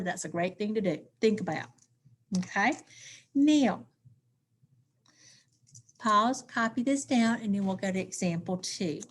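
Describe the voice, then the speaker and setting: A woman teacher, walking through math steps aloud in a recorded lesson and checking in with "okay?". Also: mid-range voice.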